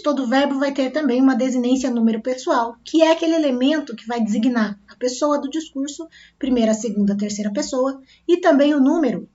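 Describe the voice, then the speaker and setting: A woman's voice: on the high side, darkish tone. A woman teacher with a Brazilian Portuguese accent, explaining step by step and often checking that her class is following. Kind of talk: recorded grammar lesson. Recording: dull lo-fi recording.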